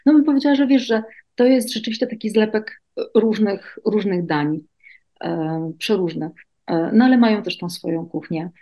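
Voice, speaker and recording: A woman's voice: medium pitch, moderate pace, dull audio. A woman in her forties from Poland, answering interview questions in a chatty way with many fillers. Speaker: interview guest, emigrant mother.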